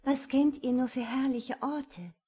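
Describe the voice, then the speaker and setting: A woman's voice: high voice, fairly even intonation, a little slow, warm tone, slightly rough, pitched above the performer's own voice. Woman voicing a shy young woman in love. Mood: delighted. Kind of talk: audiobook character reading.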